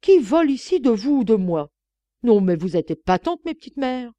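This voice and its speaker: A woman reading an audiobook, voicing a defiant young chambermaid who talks back loudly and indignantly. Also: fairly high pitch, very animated, normal speed, dry recording, pitched above the performer's own voice. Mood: furious. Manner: indignant, sharp-tongued, raises her voice.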